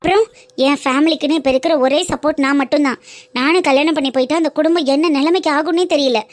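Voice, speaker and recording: A woman's voice: sits high, no echo, close to an everyday voice. A woman voicing Seetha, a young college student in a cartoon who talks earnestly and firmly about her family. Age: young adult. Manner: earnest, firm and quick-spoken. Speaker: cartoon character. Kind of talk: cartoon voice acting.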